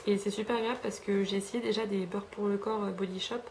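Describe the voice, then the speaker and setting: A young French woman chats her way through a beauty haul, full of fillers and self-corrections. Her voice has a gravelly, fry-laden texture. She is filmed at home on a camera mic, with a faint hiss in the background. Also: medium pitch, fairly even intonation, quick pace. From France. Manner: chatty, rambling, with frequent fillers and self-corrections. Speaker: beauty vlogger. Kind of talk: casual haul review chat.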